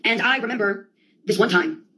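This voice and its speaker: A woman with a slightly high, fairly bright voice moves at a moderate pace through a rambling comedic monologue, swearing, slipping into slang, and theatrically quoting outbursts.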